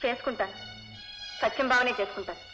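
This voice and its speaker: A woman's voice: fairly high pitch, fast talker, muffled recording, music in the background, lightly acted. An actress playing a defiant young woman who insists on marrying the man she loves. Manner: defiant, indignant. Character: indignant young village woman in love. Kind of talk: 1980s film dialogue.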